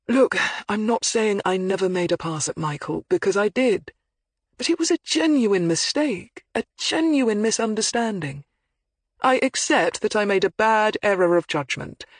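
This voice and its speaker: A reader doing a wavering older academic. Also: male voice, high-pitched, animated, moderate pace, no echo, pitched above the performer's own voice. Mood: pained, defensive. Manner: wavering, hesitant, apologetic. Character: older male academic, emotional and defensive.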